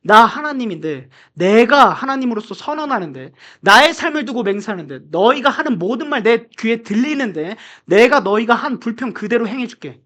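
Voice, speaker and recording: God speaks slowly and with heavy weight, stern and all-powerful, as he declares a vow. A man puts on this voice as he preaches. The pitch still swings widely. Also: lively intonation, sharp tone, heavily acted. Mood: solemn warning.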